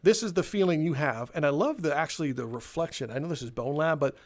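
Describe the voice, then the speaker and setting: A young man talks casually over a game, in a voice a bit higher than most men's. He rambles and sounds sardonic, swearing now and then as he tells his stories. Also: quick pace. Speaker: gaming video creator. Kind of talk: casual storytelling while playing a game.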